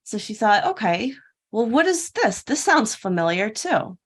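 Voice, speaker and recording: With a slightly high, sing-song voice that has a breathy edge, a woman delivers her prepared tech-conference keynote at a measured pace. The talk is a fairytale parable told playfully, where she asks questions and answers them.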